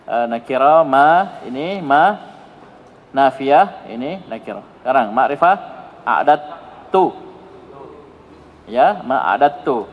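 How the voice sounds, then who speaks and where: A man from Indonesia teaching Arabic grammar to a class, prompting his pupils with the same quick questions again and again. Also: medium pitch, slight background noise. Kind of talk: classroom grammar drill with students. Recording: dull, lo-fi sound with a long hall reverb.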